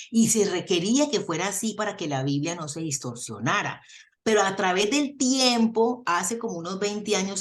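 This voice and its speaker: A woman with a Colombian accent, a theologian guest in a radio interview, explaining with animated stories and folksy sayings. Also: medium pitch.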